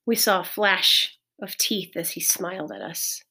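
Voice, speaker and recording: A woman reading a children's novel aloud in a measured, clear storytelling voice. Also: on the low side, very animated, sharp tone. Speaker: audiobook reader. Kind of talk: scripted narration of a children's novel.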